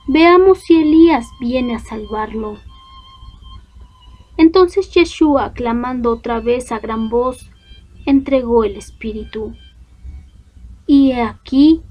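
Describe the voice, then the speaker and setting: A woman reading scripture aloud in a measured, deliberate way, pausing between phrases. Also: sits high. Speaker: scripture reader. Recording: dull lo-fi recording.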